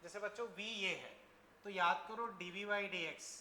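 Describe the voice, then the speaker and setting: A man teaching a physics class, often stopping to ask his students if the steps are clear. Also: sits high, moderate pace, bright, forceful tone. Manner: addresses students as children, asks frequent checking questions. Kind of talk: classroom lecture. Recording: echoey classroom, faint noise.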